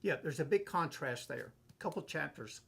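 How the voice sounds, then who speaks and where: A man, a pastor, leading a relaxed Bible study, reading verses aloud and explaining them, asking and answering his own questions. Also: a little high, creaky, breathy edge. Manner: unhurried, asks himself questions and answers them. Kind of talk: conversational Bible teaching.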